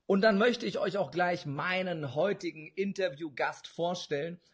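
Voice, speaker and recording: A man's voice: sits high, moderate pace, husky. A young man hosting a podcast interview over a video call, eager and effusive. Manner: eager, effusive, laughs often. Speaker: podcast host. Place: indoor room with bookshelves, video call.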